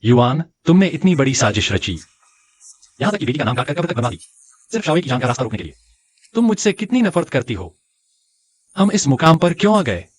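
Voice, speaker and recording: A man's voice: on the high side, big pitch swings, a little fast, long pauses. A man voicing a remorseful father who pleads with his estranged wife in a dubbed drama. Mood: anguished. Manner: pleading, anguished. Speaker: dubbed actor. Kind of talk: Hindi drama dubbing.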